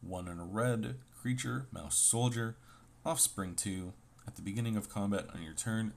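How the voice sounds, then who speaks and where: A man's voice: low-pitched, gravelly, a little hiss or hum. A man casually chatting with a sore throat as he opens card packs, reading card names aloud with playful asides. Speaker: host opening trading card packs. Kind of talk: casual chat.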